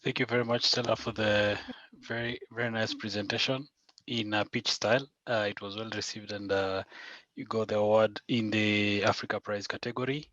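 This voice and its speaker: A man hosting a webinar, moderating politely and in a measured way. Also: fairly low pitch, steady tone, a bit bright, no room sound, dull audio. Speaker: host.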